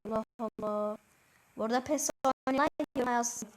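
A teenage girl hosting her own channel, giving casual commentary over a football video game, shouting excitedly at goals and misses. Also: on the high side, brisk. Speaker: gaming channel host.

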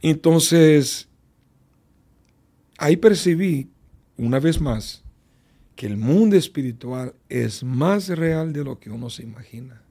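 A pastor speaks as a guest on a radio program, telling a testimony in a gravelly, husky voice. His tone is dark and mellow, and he takes his time, with plenty of fillers and repeated words. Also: a little high, lively intonation. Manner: unhurried storytelling with many fillers and repetitions.

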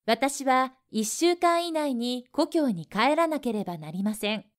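Brisk, high-voiced woman reading translations. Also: lively intonation. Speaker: translation reader. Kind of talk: reading Japanese translations of lesson sentences.

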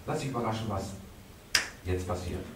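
A man's voice: fairly low pitch, normal speed. A man coaching a client live before a group, playful, provocative and theatrical in his delivery. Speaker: coach and therapist. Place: seminar room. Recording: echoey room, far mic, clear hiss.

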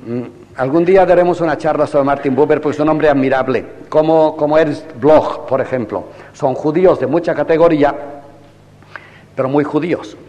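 A man's voice: a little high, normal speed, darkish tone, muffled recording. Older man lecturing on theology, echoey hall. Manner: rhetorical, questions the audience, acts out quoted exchanges. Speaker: priest lecturing a theology course. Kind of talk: classroom lecture.

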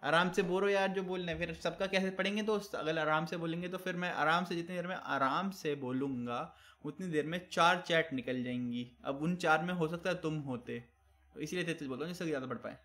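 Reading chat aloud fairly quickly, this young male game streamer has a slightly high-pitched voice. He ribs viewers with casual, joking banter, tossing English catchphrases between his Hindi sentences.

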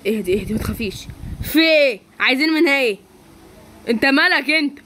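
A woman with an Egyptian Arabic accent voicing a calm, protective young man in a lowered, steady voice. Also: quick pace, a little hiss or hum. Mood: stern.

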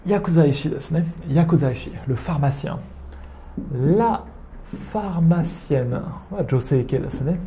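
A man teaching French phrases in an online lesson, speaking slowly and repeating each word carefully for his learners. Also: on the high side, dark tone, slight background noise.

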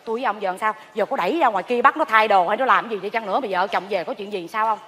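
A woman playing a nosy, pious neighbor in a stage comedy, gossiping with loud exclamations and hushed asides. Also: mid-range voice, very fast, slightly rough. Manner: gossipy, exclaims loudly, then drops to a whisper. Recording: stage hall reverb, faint audience.

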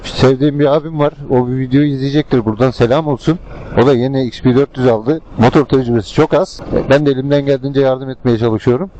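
A man's voice: medium pitch, steady tone, quick pace. A man giving casual, rambling and colloquial commentary to viewers from inside a helmet while riding a scooter in traffic. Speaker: motovlogger. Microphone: helmet-mounted microphone. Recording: muffled helmet mic, loud engine and road noise. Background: vehicle and traffic noise.

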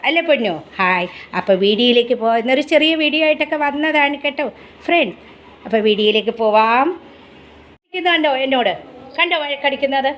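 A woman's voice: high-pitched, fairly bright tone. A woman pet vlogger chatting casually and talking to her dog in doting baby-talk, coaxing and scolding it on a sunny rooftop.

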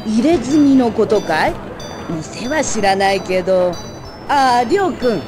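A woman's voice: a little high, expressive, a little slow. A woman voicing a motherly middle-aged shopkeeper in a video game, speaking in a familiar, folksy way. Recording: music behind the voice.

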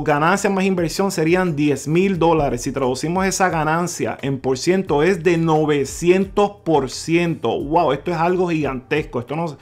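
A man hosting a crypto video, talking viewers through numbers on screen, calling them "mi gente" and repeating figures slowly. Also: a little high. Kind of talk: screen-share explainer talk. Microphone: voice-over on screen recording.

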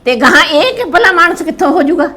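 A woman's voice: very high-pitched, lively intonation, fast talker, pushed and bright. An older woman with a Punjabi accent playing a mother in a village family drama, complaining and lamenting.

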